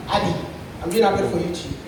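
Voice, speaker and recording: A man giving a lively motivational talk to an audience, animated, repeating himself and laughing often. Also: a little high, heavy background noise. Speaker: speaker at a creators' session. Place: indoor event room with audience. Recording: echoey event hall, from far off.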